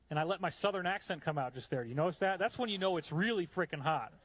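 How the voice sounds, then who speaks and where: A little hiss or hum accompanies this New Yorker's high-pitched, expressive, fairly bright voice as he speaks briskly. At a conference, he gives a live lecture with slides in a hot room, explaining eagerly and chatting with the audience in between.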